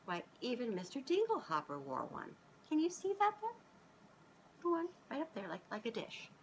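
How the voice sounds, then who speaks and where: The audio is poor, with a little hiss or hum, as a woman in her fifties reads a children's storybook in a slightly high voice at a moderate pace. She reads expressively and casually, often stopping for chatty asides aimed at young listeners. Her spot is a living room sofa indoors, with a camera a short distance away.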